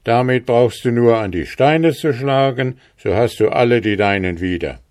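A man voicing a self-assured old man in a fairy tale reading, speaking slowly and boastfully. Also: mid-range voice, animated, darkish tone, voice pushed up, lightly acted. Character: old man who cannot die, smug.

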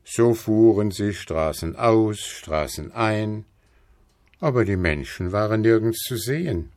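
Slow deep-ish guy reading a fairy tale, very expressive, dry close sound. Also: no room sound. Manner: slow, expressive, lively pitch. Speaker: storyteller.

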